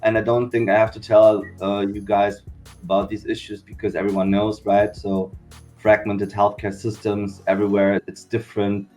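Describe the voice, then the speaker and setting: A man's voice: fairly low pitch, normal speed, soft background music. A man from Germany, a company founder, explaining his work steadily in a podcast interview. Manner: steady explanatory, repeats "we said okay".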